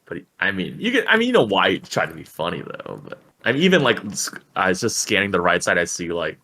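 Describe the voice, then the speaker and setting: A man co-hosting a game review in casual talk. His voice sits low, and he drops blunt, slangy judgments between his co-host's points. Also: huge pitch swings, fast talker, gravelly, pushed and bright.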